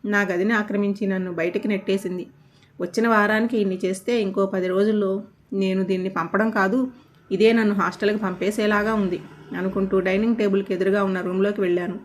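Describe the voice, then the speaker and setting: A woman narrating a love story in the first person with an even, descriptive reading. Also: mid-range voice, fairly quick.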